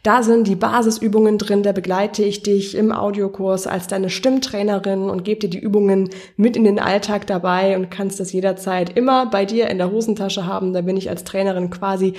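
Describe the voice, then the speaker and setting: A female voice coach talks one-to-one with her listener in a podcast lesson. She explains her points patiently and keeps asking guiding questions. Her pitch sits in the middle range for a woman. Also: steady tone, a little fast, hardly any pauses, a little mellow. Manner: encouraging, addresses the listener directly.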